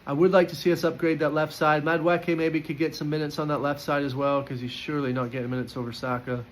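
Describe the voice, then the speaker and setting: A man's voice: on the high side, level tone, quick pace, a little hiss or hum, poor audio. A man giving casual, opinionated football player ratings in a chatty way, with frequent fillers and restarts. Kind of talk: casual post-match reaction.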